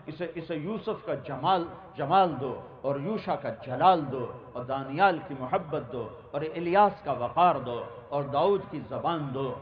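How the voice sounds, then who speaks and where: Impassioned preacher man, echoey lo-fi hall. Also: fairly high pitch. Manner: impassioned, rhythmic, recites verse and long lists. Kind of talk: emotional sermon. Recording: echoey, dull lo-fi hall recording.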